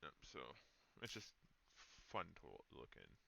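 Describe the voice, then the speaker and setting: Bright-voiced man reading game text. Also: rumbling low, measured pace, vocal fry. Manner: relaxed, reads story text aloud with small stumbles. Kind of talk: casual let's play chat and narration read-aloud.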